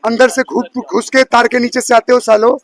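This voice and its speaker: A man's voice: very high voice, little pitch movement, normal speed. A man from Bihar speaking angrily in a street interview, confronting and insulting critics. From Bihar, India. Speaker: bystander interviewee.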